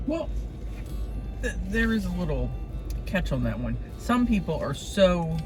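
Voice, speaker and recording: A man with a slightly high voice chats casually in a vehicle, with music clearly audible behind him. He explains haltingly, doubling back on words. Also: sing-song. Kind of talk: casual chat.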